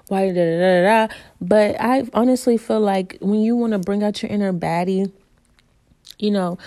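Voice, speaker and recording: A woman's voice: mid-range voice, darkish tone, no room sound. A young woman hosting a casual self-help podcast, chatty and emphatic, repeating phrases for emphasis. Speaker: podcast host.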